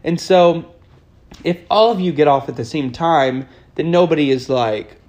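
A man's voice: fairly high pitch, normal speed, a little mellow. A young man co-hosting a podcast in casual chat, rambling with restarts and quoted asides. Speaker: podcast co-host.

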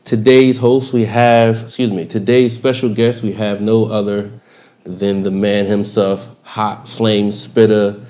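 Playful low-voiced male podcast host. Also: level tone, a little slow, a little mellow. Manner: playful, rambling, laughs often. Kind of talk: casual podcast chat.

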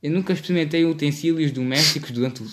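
A man's voice: a little high, fast talker, fairly bright tone. A young man with a European Portuguese accent in casual banter with friends, reading out party questions and swearing in slang. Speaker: podcast co-host reading out game questions.

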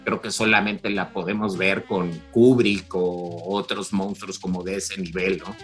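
A man's voice: low-pitched, level tone, measured pace, soft background music. A man with a Mexican Spanish accent co-hosting a podcast, chatting casually about a film in a rambling way, full of fillers and restarts. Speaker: podcast co-host.

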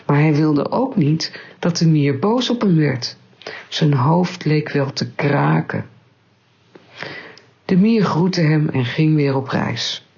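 A woman reading a children's story aloud in a calm, measured way. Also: sits low, vocal fry, slightly rough, highs cut off.

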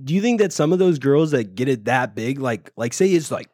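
Animated man, dry close sound. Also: medium pitch, brisk, no echo. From California. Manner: slangy, teasing, peppered with "dude" and "bro". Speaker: podcast co-host. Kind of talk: casual comedic banter.

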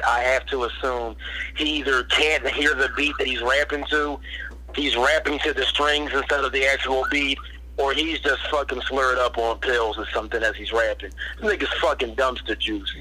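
A man's voice: mid-range voice, steady tone, moderate pace, bright, forceful tone, breathy edge. A man calling in over a phone on speaker, talking in a blunt, crude and mocking way in casual chat. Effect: heard through a phone on speaker. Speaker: caller. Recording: phone speaker in a noisy room.

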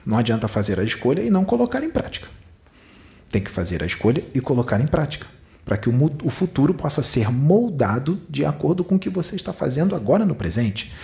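A man from Brazil, a spiritual medium with a Rio de Janeiro Portuguese accent, preaches a channeled teaching emphatically, asking many rhetorical questions. His medium-pitched voice is warm, creaky and sing-song, and he talks fast.

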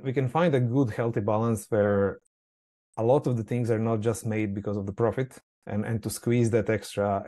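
A man's voice: medium pitch, dark tone. A man from Croatia, a company founder being interviewed, talking casually with many repeated words and fillers. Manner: hesitant, frequent word repeats and fillers. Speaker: skincare company founder, guest.

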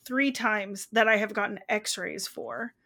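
A woman's voice: medium pitch, slow pace, vocal fry, bright, forceful tone. A young woman co-hosting a podcast, chatting casually and laughing at herself. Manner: chatty, self-mocking, laughs often. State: on crutches. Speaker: podcast co-host. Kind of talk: casual chat.

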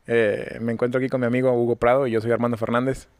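A man's voice: medium pitch, flat delivery, fast, smooth. A man in his thirties with a Mexican accent, co-hosting a podcast in casual, joking chat and laughing often. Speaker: podcast co-host.

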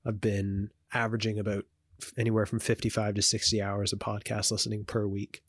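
A man with a fairly low voice chats casually as a podcast co-host. He rambles, filling gaps with ums and restarting his sentences. The sound is dry and close, with no room echo. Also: level tone, fairly quick. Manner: rambling, many fillers and restarts.

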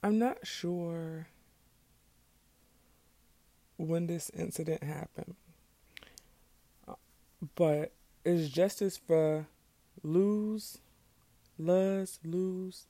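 A woman's voice: deep voice, dark tone, no echo. A young woman hosting her own podcast in loose, casual chat, her voice still groggy from the morning. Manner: chatty, loose and conversational. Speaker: podcast host. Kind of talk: casual solo podcast talk.

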